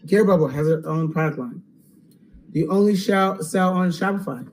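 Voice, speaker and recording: A man hosting a live webinar Q&A, upbeat and salesy, checking in with "okay?" and going hoarse. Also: on the high side, moderate pace, slight background noise, rough recording. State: losing his voice. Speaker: online course host.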